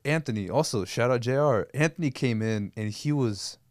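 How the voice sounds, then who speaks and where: A man's voice: mid-range voice, moderate pace, a little mellow, no room sound, studio quality. A man co-hosting a podcast in casual chat, rambling with lots of fillers and laughs. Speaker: podcast co-host.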